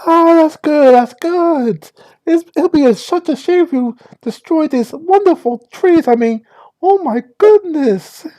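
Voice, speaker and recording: Woman putting on a bubbly high-pitched Valley Girl druid. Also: animated, unhurried, mellow, poor audio. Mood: bubbly, gushing. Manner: bubbly sorority-girl gushing, Valley Girl talk.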